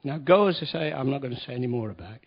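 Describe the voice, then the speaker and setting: A lay preacher delivers a conversational sermon in a church hall, full of wry asides and emphatic stresses. His medium-pitched voice is animated, very fast, creaky and slightly rough, captured in a dull lo-fi recording.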